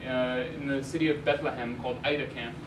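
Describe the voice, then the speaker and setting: Brisk and fairly even in intonation, this mid-range male voice belongs to a young journalist from Arizona, USA. He delivers an informal slide lecture in a university hall, peppered with ums and restarts. It's recorded from a distance on a room mic, with echo and noise.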